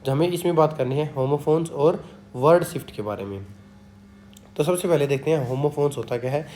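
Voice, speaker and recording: A man tutoring students through an exam paper. He reads English definitions slowly, then explains them in Hindi. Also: a little high, a little mellow. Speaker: exam tutor, channel host. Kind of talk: exam-prep lesson explaining a question paper.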